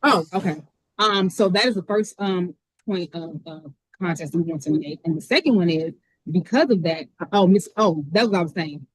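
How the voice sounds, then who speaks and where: A woman attorney arguing her side in a hearing over a video call, talking fast. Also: fairly low pitch, husky, no room sound, poor audio. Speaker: defense attorney. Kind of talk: courtroom argument.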